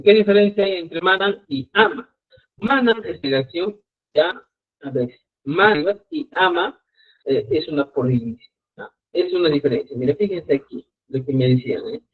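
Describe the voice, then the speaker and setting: Man, language teacher, slow and patient, repeats examples, keeps asking "ya?", slightly high voice, tinny phone-like sound. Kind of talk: live online language lesson. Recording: tinny phone-like live stream audio.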